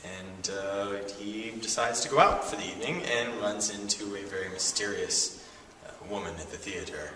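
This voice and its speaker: Actor from California, earnest and good-humoured; very deep voice, far from the mic. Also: male voice, normal speed, pushed and bright, a little hiss or hum. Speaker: stage actor. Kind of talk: casual interview answers. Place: theatre hall. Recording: distant mic in echoey theatre.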